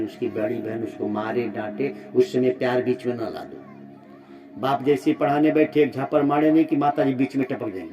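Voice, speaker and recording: Man preaching a dramatic sermon. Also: mid-range voice. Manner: dramatic, swings between loud exhortation and soft asides. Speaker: religious storyteller. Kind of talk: devotional sermon with storytelling. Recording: muffled distant mic with music.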